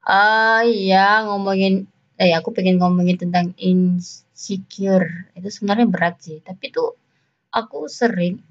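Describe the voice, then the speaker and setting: A young woman with a Javanese Indonesian accent hosting a casual solo podcast, talking fast and rambling with a self-mocking tone and frequent laughter. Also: medium pitch, fairly even intonation. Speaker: podcast host. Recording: slightly dull lo-fi sound.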